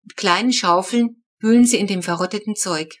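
A woman reading a children's storybook aloud, telling the story in a lively first-person voice. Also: mid-range voice, moderate pace. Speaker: audiobook reader.

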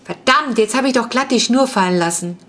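Woman playing a grumpy brave boy, slightly raised pitch, gruff, snappy, storybook reading. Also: fairly quick, fairly bright tone, close to an everyday voice. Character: boy, bold but grumpy older brother.

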